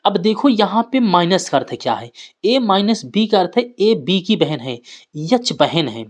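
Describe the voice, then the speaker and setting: A man's voice: high voice, sing-song, measured pace. Man teaching reasoning in a repetitive lecture. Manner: repeats key points, asks students questions. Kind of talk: classroom lecture.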